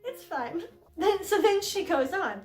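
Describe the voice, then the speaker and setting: A young woman with a high, bright voice talks through a song in a casual lesson vlog. She is animated and giggly, throwing herself into dramatic readings of the lines. The room is echoey, with soft piano music underneath. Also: slow pace. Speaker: singer explaining a song.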